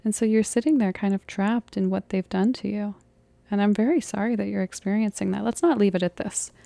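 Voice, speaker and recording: Tired, gravelly woman in whispered role-play. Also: medium pitch, a little fast, no echo. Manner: soft, intimate, comforting, often dropping to an unvoiced whisper. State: voice tired and cracking. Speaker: ASMR tarot reader.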